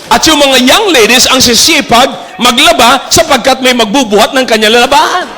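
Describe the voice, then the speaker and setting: A Filipino man preaching a sermon in a church, mixing English and Tagalog, joking and shouting key lines for emphasis. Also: very high voice, moderate pace, big-room sound, a faint crowd. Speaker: pastor.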